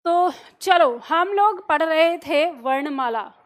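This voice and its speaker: A woman teaching an online class, explaining step by step, dictating notes slowly and asking the students questions she then answers herself. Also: extremely high pitch, animated. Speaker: Hindi teacher.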